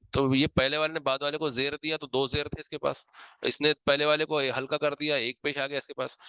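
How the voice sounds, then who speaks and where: A man's voice: a little high, bright, forceful tone, clean tone, no room sound. A man teaching a grammar lesson, explaining patiently step by step and repeating key points.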